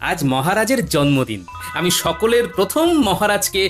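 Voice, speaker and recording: A woman's voice: mid-range voice, lively intonation, normal speed, faint music behind, natural voice. A woman voicing a clever, witty male village jester in a cartoon, glib and playful. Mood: apologetic. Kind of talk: cartoon voice acting.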